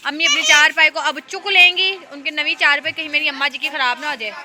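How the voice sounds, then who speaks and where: A woman's voice: high voice, fairly even intonation, fairly quick, a crowd in the background. A woman, chatting through a casual family vlog as she narrates what is happening. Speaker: vlogger.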